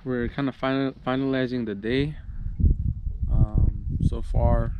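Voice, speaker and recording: A man's voice: mid-range voice, fairly even intonation, measured pace, phone-quality sound, very noisy. A man hosting a fishing vlog outdoors on a boat, talking in a laid-back way with lots of fillers, recorded on an action camera. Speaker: fishing channel host. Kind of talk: casual vlog narration.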